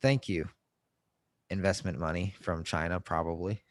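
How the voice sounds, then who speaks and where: A man co-hosting a podcast in casual joking chat, swearing often and breaking into loud mock outbursts. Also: low voice, fairly even intonation, moderate pace, dry recording. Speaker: podcast co-host.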